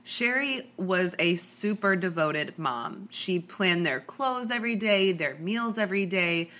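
Stuffed up from a cold, a young podcast host talks through a true crime story in a chatty way, dropping plenty of likes and ums. She has an expressive, slightly bright mid-range voice and doesn't rush.

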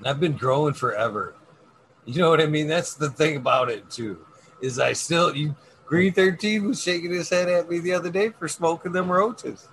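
A man's voice: fairly high pitch, moderate pace, a bit bright, slight background noise, low-quality recording. A man chatting casually in a rambling, coarse, slangy way, swearing freely.

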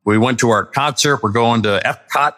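Bright-voiced joking man in his sixties. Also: mid-range voice, moderate pace. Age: 60s. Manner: joking, upbeat, teasing. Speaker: guest, retired news anchor. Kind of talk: casual chat.

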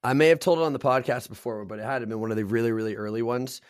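He rattles along rapid-fire in a mid-range voice, on a dry, clean studio recording. The podcast host tells excitable bar stories in casual chat and doesn't hold back on swearing.

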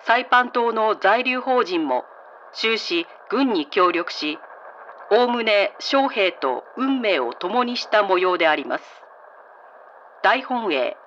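A male announcer reading as a 1940s wartime radio news announcer, in a slow, measured and formal official manner, sounding like an old wartime radio broadcast. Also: sits high, bright, forceful tone, full character voice. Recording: dull lo-fi radio sound with faint hiss.

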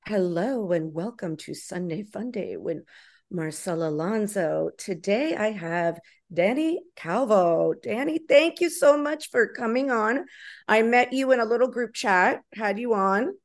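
A woman from Florida hosting a podcast, asking her guest eager, quick leading questions in a casual interview chat. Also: medium pitch, animated. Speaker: podcast host.

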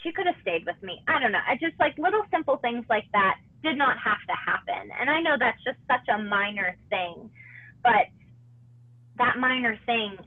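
A woman's voice: on the high side, expressive. A woman in her thirties speaks over a thin, phone-like line. Her speech halts and restarts often, and she sounds on the edge of tears. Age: 30s. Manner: halting, many restarts and fillers. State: tearful. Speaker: interview guest, former gymnast. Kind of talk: emotional personal interview.

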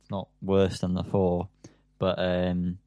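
A man's voice: low voice, completely flat delivery, slow, warm tone, no echo, clean studio sound. A man co-hosting a podcast in casual, dryly teasing banter. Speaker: podcast co-host.

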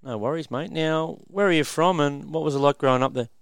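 Australian man, matey and blokey, sports radio host, clean smooth voice, close dry sound. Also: fairly high pitch, fairly quick, no echo. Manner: matey, plain-spoken blokey delivery. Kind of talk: casual sports chat and interview.

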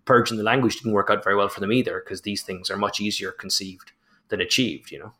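Talking fast in a fairly low, sharp-toned voice, the author guest chats through explanations and stories during an interview. He peppers his speech with "you know" and frequent laughter.

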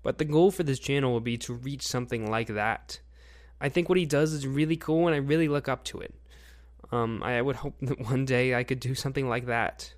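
Male podcast host, young adult, medium pitch, informal and rambling, feels unscripted. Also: steady tone. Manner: rambling, with frequent pauses to think. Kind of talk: casual unscripted podcast commentary.

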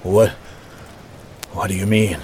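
A man playing a weak, exhausted older boss in an audio drama, halting and faltering, with an annoyed edge. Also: sits low, level tone, a little mellow, a little hiss or hum. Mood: weary, confused. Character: exhausted, freezing older male boss, irritable and fading. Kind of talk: dramatic audio fiction acting.

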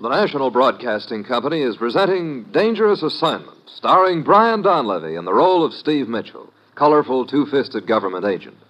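A man announcing a radio drama in a booming, declamatory style. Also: very animated, brisk, few pauses, muffled recording. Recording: old radio broadcast with brass music.

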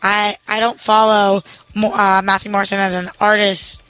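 A woman's voice: mid-range voice, level tone, moderate pace, fairly bright tone, poor audio. A young woman hosting a casual celebrity news chat, reading items aloud and joking at her own expense. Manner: reads news items aloud with quips, self-deprecating. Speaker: entertainment news host.

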